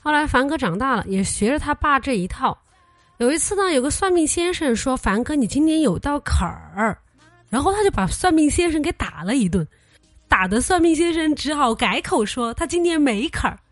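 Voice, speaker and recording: Lively young woman telling comic stories. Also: high voice, a little fast, no room sound, soft background music. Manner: teasing, animated, acts out quoted voices. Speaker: comedy podcast host. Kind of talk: playful comic storytelling.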